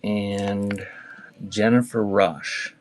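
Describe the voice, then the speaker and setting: Very slowly and in a fairly low, even voice, a man reads out cassette titles for a live-stream auction. His chat is casual, rambling and teasing, over a clearly noisy background with clicks.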